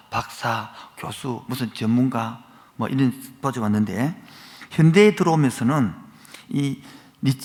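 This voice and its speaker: A male pastor with a Gyeongsang accent, preaching a sermon and often putting questions to the congregation. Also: medium pitch. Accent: Gyeongsang Korean. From Gyeongsang province, Korea. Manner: animated preaching, asks the crowd questions. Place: church sanctuary. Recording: long reverb of a church hall.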